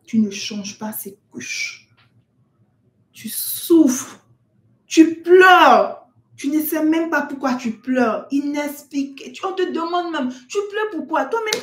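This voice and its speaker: Woman, parenting vlogger, earnest direct advice, slightly high voice, roomy echo. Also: animated, measured pace, few pauses, a little mellow. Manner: earnest, addresses the listener as "tu" and "maman". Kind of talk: direct-to-camera advice talk.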